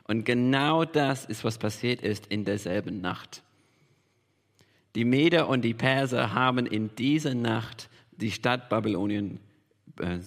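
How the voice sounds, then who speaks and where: A man preaching a sermon as pastor, emphatic and repeating key phrases for weight. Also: mid-range voice. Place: church hall. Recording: long reverb of a large hall.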